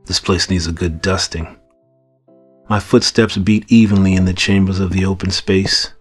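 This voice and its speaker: A man reading first-person fiction in a brooding, measured, low-key way. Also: little pitch movement, slightly rough, soft background music. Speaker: audiobook narrator.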